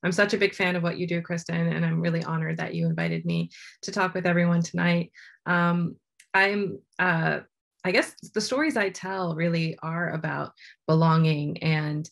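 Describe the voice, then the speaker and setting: Low creaky-voiced woman author. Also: moderate pace. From United States (Maryland). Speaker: author guest. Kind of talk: casual talk over a video call. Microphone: video call.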